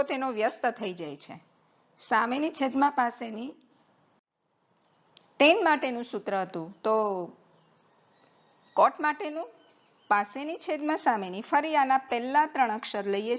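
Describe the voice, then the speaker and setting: Slow, patient woman teaching math. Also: sits high, animated, lo-fi sound. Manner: slow, patient, spells out terms letter by letter. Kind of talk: board-writing math lesson.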